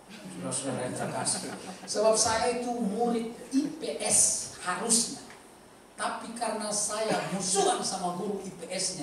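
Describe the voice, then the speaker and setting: Man, preacher, sermon, animated loud and soft swings, echoey hall, distant mic. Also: sits high, slight background noise. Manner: animated, swinging between loud bursts and quiet asides. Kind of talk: sermon with Bible reading. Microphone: handheld mic from a distance.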